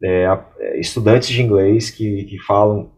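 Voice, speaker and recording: Brazilian man, english teacher, husky voice, lowish pitch, clear explanatory delivery. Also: fairly even intonation, darkish tone. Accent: Brazilian Portuguese. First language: Portuguese. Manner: clear, explanatory, reads English examples slowly. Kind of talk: explaining English grammar in Portuguese.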